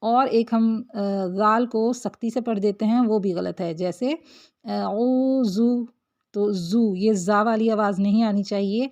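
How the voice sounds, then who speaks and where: A woman's voice: mid-range voice, fairly even intonation, a little mellow. A woman teaching Quran recitation, patiently drawing out syllables one by one to show how they are said. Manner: patient, slow drawn-out syllable demonstrations. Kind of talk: tajweed lesson. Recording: dull lo-fi recording.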